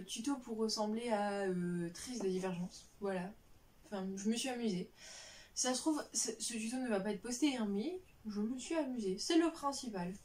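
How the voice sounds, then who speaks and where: A woman's voice: fairly high pitch, darkish tone, distant mic. Chatty young woman, a bit off-mic. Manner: chatty, rambling, lots of fillers and restarts. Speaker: book vlogger. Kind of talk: casual chat.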